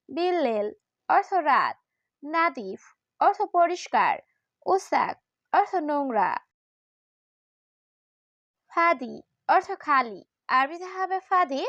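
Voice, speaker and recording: A woman teaching one by one in a slow, measured drill, repeating each word and its meaning. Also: high-pitched, fairly bright tone, dry recording, muffled recording. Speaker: Arabic language teacher. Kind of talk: slow vocabulary drill lesson.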